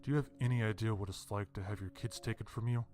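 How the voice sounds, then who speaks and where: A man's voice: on the low side, fast, darkish tone, faint music behind, natural voice. A man voicing a bitter father confronting someone with hard accusations. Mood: accusing.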